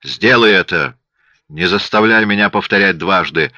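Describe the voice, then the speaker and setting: A man's voice: low voice, normal speed, dry recording. A man reading a cold menacing killer. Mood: snarling. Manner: quiet, threatening. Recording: dull lo-fi audio.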